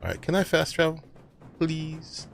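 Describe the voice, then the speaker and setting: A man's voice: mid-range voice, big pitch swings, unhurried, soft background music. A man giving casual, chatty gameplay commentary, musing aloud as he plays. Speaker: gamer commenting on own play.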